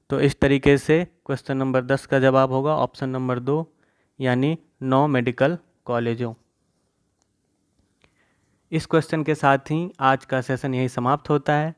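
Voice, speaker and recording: A young man with a medium-pitched, clean-toned voice teaches an exam-prep current affairs quiz. As part of his talk, he reads each question and its options aloud, then explains the answer.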